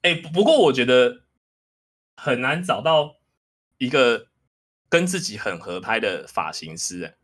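A man's voice: medium pitch, sing-song, measured pace, pauses often, a bit bright. A man, hosting a podcast in casual chat, talking candidly and self-deprecatingly. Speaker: podcast host.

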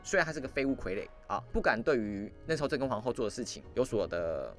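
Man, history podcast host, conversational storytelling, very animated pitch, quick. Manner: lively, conversational, quick asides to the listener. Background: faint background music.

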